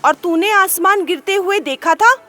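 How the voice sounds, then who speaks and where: A woman's voice: very high voice, moderate pace, faint music behind, voice pushed up. A woman doing a commanding lion king. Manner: commanding, loud questioning. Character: stern, roaring male lion king. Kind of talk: storybook character voice.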